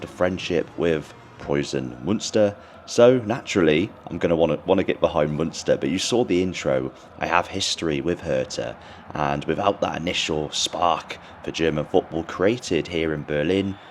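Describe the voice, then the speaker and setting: A man with an English accent and a hoarse, strained, partly lost voice, chattily narrating a football vlog to his viewers. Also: rumbling low, expressive, moderate pace. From England. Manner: chatty, informal. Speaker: football fan vlogger. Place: large open football stadium. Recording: noisy stadium ambience. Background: stadium ambience.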